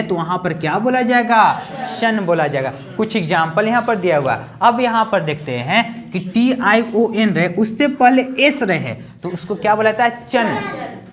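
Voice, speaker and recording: A woman teaching English pronunciation in Hindi, repeating each word and quizzing the listener with rhetorical questions. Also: fairly high pitch. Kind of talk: Hindi-language pronunciation lesson.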